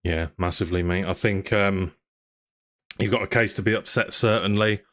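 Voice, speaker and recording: A young man with a somewhat low voice hosts a relaxed football chat. He talks in an easygoing, chatty way, asking his co-host questions and reading out comments from viewers. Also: normal speed. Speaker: podcast host.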